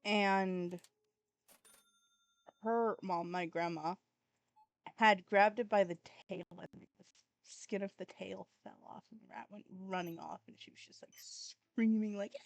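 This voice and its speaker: A woman's voice: medium pitch, fairly even intonation, unhurried, gravelly, pauses often, no room sound. A woman streaming a game in casual chat, playfully scolding her kitten in baby talk.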